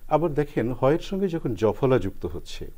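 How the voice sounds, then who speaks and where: A man's voice: medium pitch, sing-song, normal speed, warm tone. A man explaining pronunciation rules as a guest expert on a TV language program, spelling out sounds step by step.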